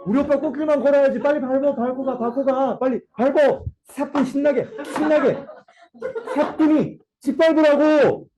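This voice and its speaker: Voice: mid-range voice, sing-song, moderate pace, dark tone. A teacher voicing a heartbroken young girlfriend who pretends not to care, with mock-cheerful, sarcastic sweetness. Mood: bitter glee.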